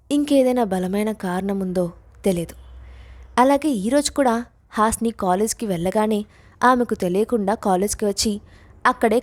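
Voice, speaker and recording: A woman storyteller giving an expressive dramatic narration of a suspense story. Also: mid-range voice.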